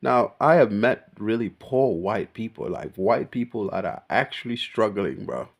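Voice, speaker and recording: A man's voice: lowish voice, expressive, normal speed, gravelly. A young man, born in Kenya, ranting in a casual unscripted monologue, emphatic and full of slang. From born in Kenya, raised in Australia. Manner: slangy, emphatic, keeps saying bro. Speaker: vlogger.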